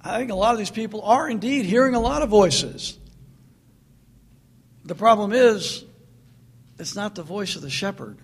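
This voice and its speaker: A man's voice: high-pitched, animated, moderate pace, long pauses, slightly rough. A man preaching a sermon in an earnest, emphatic way, repeating his points.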